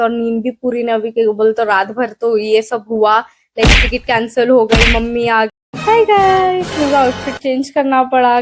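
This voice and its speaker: A young woman vlogger with a Hyderabadi accent, telling a story in a casual, rambling way with lots of fillers, recorded on a mic in a small room. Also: high voice. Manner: chatty, rambling, self-deprecating, many fillers.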